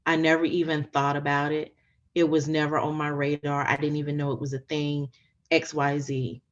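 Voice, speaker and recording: Heard through a muffled recording, this podcast host and coach has a low voice, a level tone and a moderate pace. In a casual interview chat she sounds enthusiastic and emphatic, saying phrases again for emphasis.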